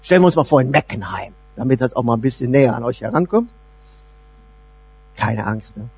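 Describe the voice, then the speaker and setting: A man preaching a sermon, swinging between loud emphasis and soft, low asides. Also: expressive, fairly quick, slightly rough. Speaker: pastor.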